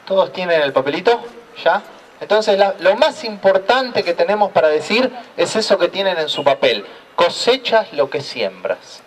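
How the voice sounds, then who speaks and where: Man, church speaker, high animated voice, unhurried preaching, miked from afar outdoors. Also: a little hiss or hum. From Argentina. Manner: slow, deliberate storytelling with repeated refrain. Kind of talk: preaching talk. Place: outdoor town square. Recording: voice heard from a distance.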